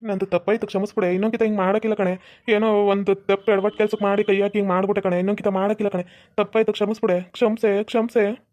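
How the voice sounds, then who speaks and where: A remorseful cartoon husband, voiced by a woman, pleads with his wife in a North Karnataka Kannada accent, repeating his apologies quickly. His pitch holds flat and even, and the talk runs fast. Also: muffled recording, natural voice. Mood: pleading. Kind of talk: hobby cartoon voice acting.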